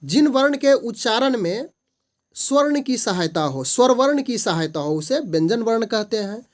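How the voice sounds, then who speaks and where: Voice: medium pitch, lively intonation, moderate pace. A tutor explaining multiple-choice grammar questions, patiently repeating definitions and sounding out single letters and syllables one at a time. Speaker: online tutor.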